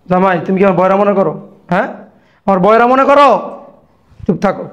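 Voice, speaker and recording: A man's voice: high voice, fairly quick, a bit bright, dull audio. A blunt, suspicious father-in-law. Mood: angry. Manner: blunt, questioning, rustic dialect. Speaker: visiting father.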